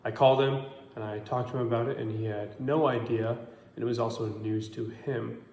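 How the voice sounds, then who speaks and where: A man's voice: medium pitch, fairly even intonation, a little fast, darkish tone, echoey room. A man in his twenties giving a hesitant statement to camera, with many ums. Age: 20s.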